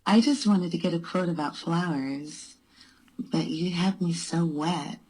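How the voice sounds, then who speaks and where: A woman making a teasing, suggestive prank call through a voice changer that shifts her voice deep. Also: measured pace, darkish tone, breathy edge, rough recording. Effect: deep pitch-shifted voice changer. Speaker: prank caller. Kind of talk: flirty phone prank call.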